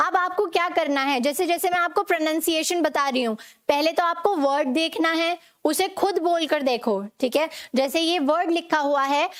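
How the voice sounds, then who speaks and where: A young woman teaching an online spoken-English class, drilling words again and again and checking in with students. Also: very high voice. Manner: repetitive drilling, frequent "ठीक है" check-ins; reads student comments aloud and answers them.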